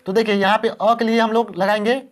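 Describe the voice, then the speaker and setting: A man's voice: sits high, little pitch movement, a little fast. A man teaching beginners how to spell words, patiently repeating each word and asking the class questions.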